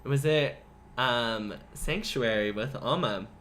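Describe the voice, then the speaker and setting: Brief: giggly guest man, bright ringing voice, faint ambience behind. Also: medium pitch, slow pace, slight background noise. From Vancouver Island, Canada. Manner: giggly, laughs often between words. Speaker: guest drag performer. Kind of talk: casual podcast chat.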